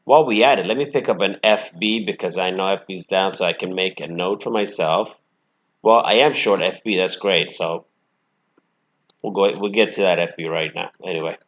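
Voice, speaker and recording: A man's voice: sits low, normal speed. Brash man narrating his stock trades. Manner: brash, emphatic, swings between loud and muttered asides. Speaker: stock trading channel host. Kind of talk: live trading commentary.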